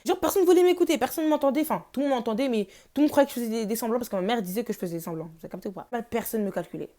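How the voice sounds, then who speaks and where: A young woman vlogging at home, telling a storytime in a casual, slangy, animated way. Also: on the high side, very fast. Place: home, noisy household.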